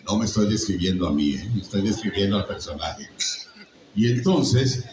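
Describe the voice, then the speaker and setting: A man's voice: fairly low pitch, animated, normal speed, a little mellow, slight background noise. An older man with a Mexican accent tells stories to a live audience in a chatty, joking, teaching way. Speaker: voice actor guest on a convention panel. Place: large echoey convention hall. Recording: echoey hall, voice from far off.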